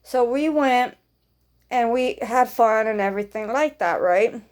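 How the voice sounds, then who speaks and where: A woman's voice: on the high side, unhurried, darkish tone. A young woman vlogger telling a long casual storytime, rambling and repeating herself and swearing offhandedly.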